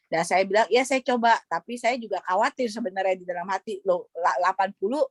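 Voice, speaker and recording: A woman's voice: mid-range voice, brisk, no room sound. Earnest woman doctor retelling a patient's story over a dry video-call line. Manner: earnest, retells dialogue, frequent fillers. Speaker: doctor and panelist. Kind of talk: testimony on an online panel.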